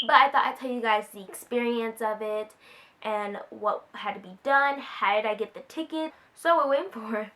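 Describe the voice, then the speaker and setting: A teenage girl telling a story to her vlog audience, giggling often and packing her talk with fillers. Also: fairly high pitch. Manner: giggly, excitable, filler-heavy retelling. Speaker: vlogger.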